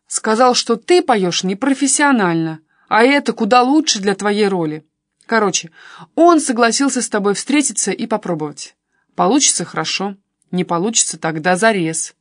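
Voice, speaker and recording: A pushy young man who coaxes and presses his cousin without letup, voiced by a woman reading an audiobook. The reading is dry, close and steady. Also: medium pitch, moderate pace, dry recording, close to an everyday voice. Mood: coaxing. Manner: pushy, coaxing, persuasive.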